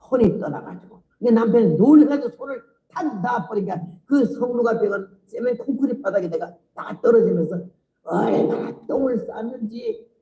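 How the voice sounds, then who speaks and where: An older woman missionary recounts her testimony from the pulpit with vivid, animated storytelling and frequent laughter. Her voice is warm and dark in tone, and it rings out in a reverberant church hall. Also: medium pitch. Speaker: missionary preacher. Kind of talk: sermon testimony.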